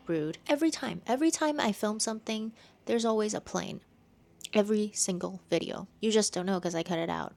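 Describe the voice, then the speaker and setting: Young woman, casual book vlogger, a little gravelly, chatty with asides. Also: mid-range voice. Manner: chatty, animated asides to her pet. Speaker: book reviewer. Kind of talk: casual book review vlog.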